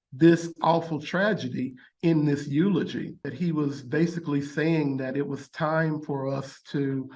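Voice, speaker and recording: A man reflecting in an unscripted interview, speaking in deliberate, halting phrases with pauses. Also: a little high, low-quality recording. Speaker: interviewed commentator.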